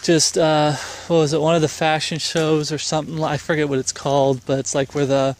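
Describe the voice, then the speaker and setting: A middle-aged man with a voice on the high side speaks fairly quickly and with little pitch movement as he preaches on a foggy woodland trail. His rambling, earnest sermon is filled with exhortations and fillers, captured by a phone camera held at arm's length with slight background noise.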